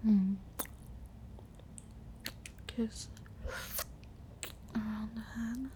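A woman performing an ASMR role-play as an affectionate lover, with a sultry, breathy, intimate murmur close to the microphone. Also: a little high, steady tone, very slow, background noise. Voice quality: breathy soft voice.

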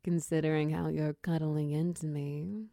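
A woman playing a tender, protective partner in an ASMR role-play, speaking softly and soothingly right into the listener's ear. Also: deep voice, flat delivery, no echo. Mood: protective, reassuring. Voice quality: soft, breathy soft voice. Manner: intimate, close-up delivery right in the listener's ear; slow, soothing, reassuring. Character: tender, protective female partner soothing a nightmare-shaken lover. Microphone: very close, dry microphone.

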